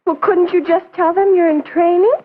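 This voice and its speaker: A woman's voice: very high-pitched, steady tone, moderate pace. A woman acting a practical, helpful teenage girl who advises directly, in 1950s educational film style. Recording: noisy, phone-like 1950s film soundtrack.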